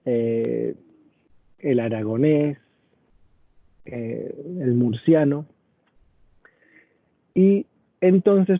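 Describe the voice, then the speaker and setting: A man's voice: medium pitch, no room sound. Man teaching, tinny phone-like audio. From Argentina. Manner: patient, explanatory, addresses students directly. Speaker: paleography teacher. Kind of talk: online lecture.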